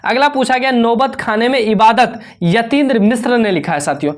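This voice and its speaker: A woman teaching an exam revision lesson, firing off questions and answers and repeating key points with playful memory tricks. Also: fairly high pitch. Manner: rapid question-and-answer drilling, constantly addressing students.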